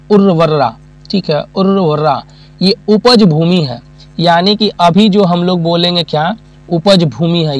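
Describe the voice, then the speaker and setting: High-voiced teacher with a lilt. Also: male voice. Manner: asks listeners questions and answers them himself; uses homely examples, repeats key terms. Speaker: exam-prep teacher. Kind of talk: classroom lecture.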